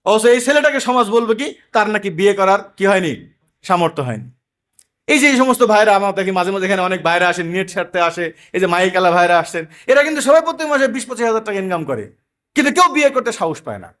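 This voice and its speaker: A man's voice: sits high, big pitch swings, fast talker, fairly bright tone. A man preaching an emphatic sermon to a gathering, telling everyday anecdotes.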